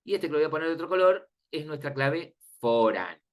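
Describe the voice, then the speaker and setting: A man's voice: a little high, animated, a little fast. Patient man teaching a class. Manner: explains step by step, checks in often with "¿sí?" and "¿ok?"; informal and friendly with students. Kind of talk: classroom lecture on databases.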